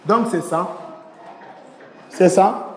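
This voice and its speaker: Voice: medium pitch, extremely slow. A primary school teacher from Rwanda, leading a French lesson with repetitive drilling and call-and-response, praising pupils. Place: large indoor classroom. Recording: echoey classroom hall, background noise.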